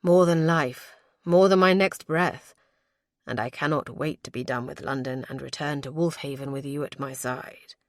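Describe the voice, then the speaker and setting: A woman voicing an affectionate young lord, speaking low, wry and murmuring to his new wife. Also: fairly even intonation, moderate pace, dry recording, clean studio sound. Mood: tender.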